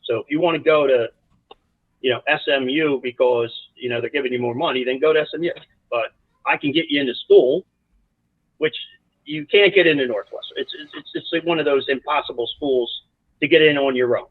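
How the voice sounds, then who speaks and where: Interview guest: man from South Jersey, a soccer coach, rambling and animated, dry phone-like sound. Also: medium pitch, brisk, no room sound. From South Jersey, USA. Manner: animated, rambling anecdotes with many restarts. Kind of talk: casual storytelling interview. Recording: dry, tinny phone-like line.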